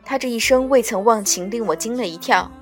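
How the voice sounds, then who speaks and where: A woman's voice: on the high side, brisk, faint music behind. Woman narrating an audiobook. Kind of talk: first-person audiobook narration.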